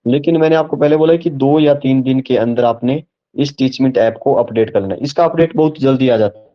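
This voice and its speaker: A man's voice: medium pitch, fairly quick. Guy tutor on a live online class, patient, keeps checking yes or no, slightly dull audio. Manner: patient, repeats and checks understanding.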